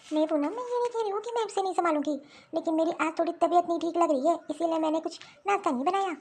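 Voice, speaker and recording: Weary older mother-in-law, grumbling to herself, high voice. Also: racing, darkish tone. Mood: pleading. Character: tired older mother-in-law, overworked, self-pitying. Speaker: voice actor. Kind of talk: Hindi cartoon dialogue.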